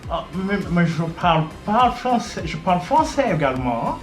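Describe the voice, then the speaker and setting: A man's voice: high-pitched, very animated, normal speed, reverberant, soft background music. A man voicing a proud young man, hesitant but boastful.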